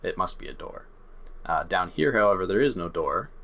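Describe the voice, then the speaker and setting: Man as dungeon master, very low and bright-toned, unhurried descriptive narration. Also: animated, gravelly. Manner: descriptive, easygoing, with hesitant fillers. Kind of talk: tabletop game narration.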